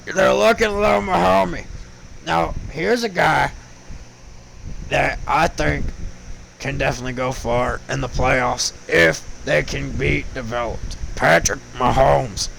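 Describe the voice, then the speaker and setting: A man's voice: medium pitch, fairly even intonation, a little slow, creaky, a bit bright, a little hiss or hum, low-quality recording. A young man giving casual sports commentary, chatty and slangy, talking straight to the teams. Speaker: sports vlogger.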